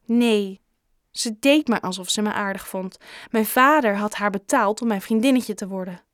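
A woman voicing an upset runaway boy in an audiobook, pitched up and defensive. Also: moderate pace, no room sound, studio quality, lightly acted. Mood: glum. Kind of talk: audiobook character reading.

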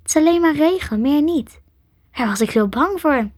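A woman's voice: sits high, expressive, moderate pace, no room sound, clean studio sound, voice pushed up. A woman whispering as a nervous young girl. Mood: wondering. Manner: soft whispered inner thoughts.

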